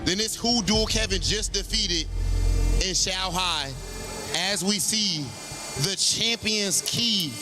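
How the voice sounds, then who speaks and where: A man hosting a live esports event on stage, slangy and showy, with music behind him. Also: high-pitched. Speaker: stage host and interviewer.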